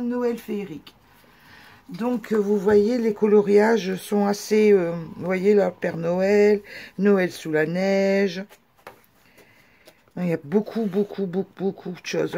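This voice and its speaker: A woman with a warm, mellow voice hosts a casual show-and-tell video. She talks in a chatty, halting way, often pausing on fillers and restarting her sentences. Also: mid-range voice. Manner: chatty, hesitant with many fillers. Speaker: craft vlogger.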